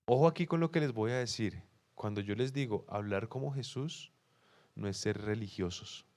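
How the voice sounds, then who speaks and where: A young man from Colombia, a pastor with a Bogotá accent, preaching in an animated way, asking the congregation questions and acting out quoted excuses. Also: on the low side, moderate pace. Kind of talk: sermon.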